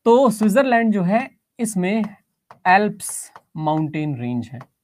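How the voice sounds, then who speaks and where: A woman's voice: medium pitch, very animated, a little slow, darkish tone. A woman teacher giving a geography lesson, explaining step by step, checking in with her students and mixing English phrases into her Hindi.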